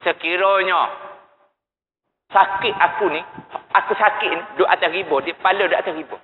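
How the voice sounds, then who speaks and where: A man voicing a devoted dying wife, speaking slowly and tenderly. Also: high voice, fairly even intonation, natural voice. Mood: pleading. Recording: echoey mosque hall, tinny lo-fi.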